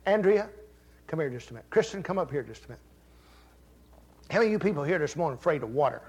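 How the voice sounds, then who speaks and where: An older man preaching a sermon, telling folksy family stories and rising to loud, fervent Scripture reading. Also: on the high side, lively intonation, fast, breathy edge. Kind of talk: sermon with personal story.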